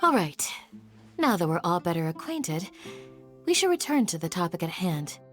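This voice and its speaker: Candace, composed village guardian. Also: female voice, lowish voice, very animated, moderate pace, faint music behind. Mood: calmly firm. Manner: polite, formal, composed. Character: gentle, firm village guardian woman. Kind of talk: video game character acting.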